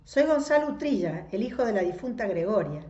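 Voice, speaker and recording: A woman's voice: medium pitch, very animated, a little fast, mellow, roomy sound, highs cut off, pitched above the performer's own voice, close to an everyday voice. A woman reading aloud, voicing an ironic and arrogant man who has come back home as a godson. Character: proud middle-aged ironic man, a returning godson.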